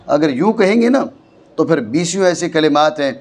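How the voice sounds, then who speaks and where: A man with a Pakistani Urdu accent teaching a classroom grammar lesson, explaining slowly and often checking that his students follow. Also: on the high side, expressive, a little mellow. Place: madrasa classroom.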